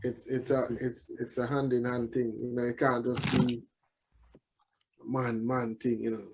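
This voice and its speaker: Male interview guest, Jamaican accent, medium pitch, thoughtful and halting delivery with repeated words, casual talk. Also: level tone, noisy background. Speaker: musician guest.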